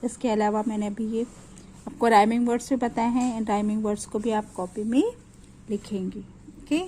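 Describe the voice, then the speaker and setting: A woman teacher with an Indian accent who recites an English poem slowly, repeating each line, then explains it quickly in Hindi mixed with English. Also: fairly high pitch, steady tone, dark tone, a little hiss or hum, rough recording.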